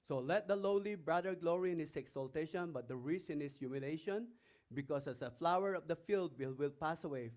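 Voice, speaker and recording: Emphatic Filipino-accented pastor preaching. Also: male voice, on the high side, darkish tone. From Philippines. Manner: emphatic, asks the congregation rhetorical questions; reads scripture passages aloud between remarks. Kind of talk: sermon.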